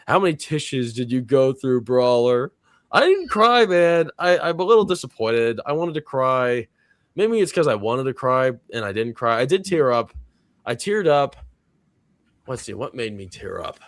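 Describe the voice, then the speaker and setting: Hosting a movie reaction panel on a casual live stream, a man rambles, reads viewer comments aloud, and uses lots of fillers. His medium-pitched voice is animated, at normal speed, with a dry sound and no echo.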